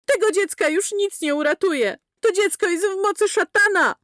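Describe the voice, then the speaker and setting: A woman's voice: moderate pace, fairly bright tone, no echo, studio quality. Woman putting on a shrieking zealous sister-in-law. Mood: hysterical shrieking. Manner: shrill, screaming accusations.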